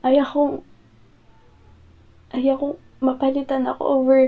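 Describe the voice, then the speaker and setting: A woman with a Filipino accent playing a hurt, jealous girlfriend in an audio role-play, pleading and halting as she confronts her partner. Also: high-pitched, monotone. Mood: tearful, pleading. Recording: muffled, phone-like audio.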